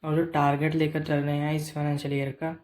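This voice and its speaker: A man with a slightly high, mellow voice speaks fairly quickly in a completely flat delivery. He presents a company earnings update in a plain, explanatory way, mixing in English business terms, and the commentary sounds semi-scripted.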